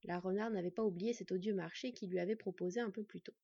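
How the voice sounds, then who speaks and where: A woman reading a fantasy novel aloud in an expressive storytelling way, in a dull, dry recording. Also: medium pitch, fast, husky, dry recording. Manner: expressive storytelling, acting out the characters. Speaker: audiobook narrator.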